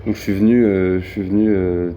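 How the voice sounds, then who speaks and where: A man's voice: low voice, steady tone, brisk, dark tone, slight background noise. A man with a Parisian French accent chatting casually as an interviewed singer, often hesitating and repeating words. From Paris region, France. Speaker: pop singer being interviewed.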